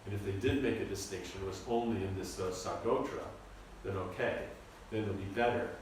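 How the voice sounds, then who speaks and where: A man, a spiritual teacher, gives a seminar lecture on scripture in a halting, informal way, often repeating words and asking the audience to follow along. His voice is low, recorded from a distance in an echoey room with slight background noise.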